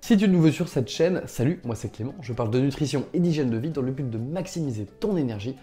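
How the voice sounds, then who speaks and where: A man's voice: medium pitch, expressive, fast, warm tone, faint music behind. A young man hosting a YouTube video, talking casually and directly to viewers. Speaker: YouTube host. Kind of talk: casual presentation to camera.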